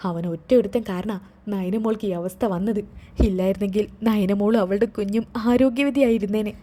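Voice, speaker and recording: A woman's voice: medium pitch, fairly even intonation, a little fast, dark tone, lightly acted. A woman voicing a distraught middle-aged mother-in-law who pleads tearfully.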